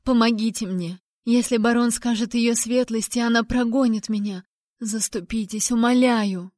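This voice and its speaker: A woman's voice: fairly high pitch, fairly even intonation, moderate pace, a little mellow, dry recording, studio quality, natural voice. A woman voicing a young noblewoman who pleads in a tearful, plaintive voice. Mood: begging. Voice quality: plaintive, sobbing.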